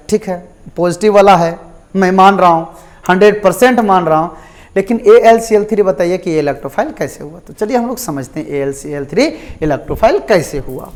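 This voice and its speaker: A man's voice: sits high, darkish tone. A male chemistry teacher with a Jharkhand Hindi accent, giving a classroom lecture and often checking in with his students and answering his own questions.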